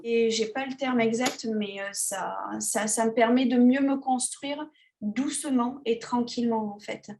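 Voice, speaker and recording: A woman photographer talking casually as an interview guest, hesitant, with many fillers and restarts. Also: on the high side. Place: Tahiti.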